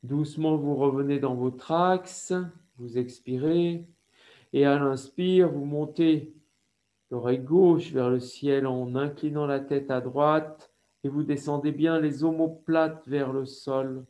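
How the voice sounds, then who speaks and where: A man with a French accent leading a yoga class over a video call, giving slow, calm instructions with breathing cues. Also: a little high. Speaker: yoga teacher.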